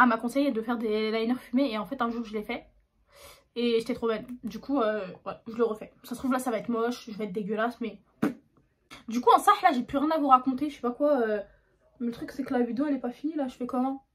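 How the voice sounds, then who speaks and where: A young woman, chatting casually and dramatically while doing her makeup at home, sarcastic and quick to laugh. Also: on the high side. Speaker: beauty vlogger.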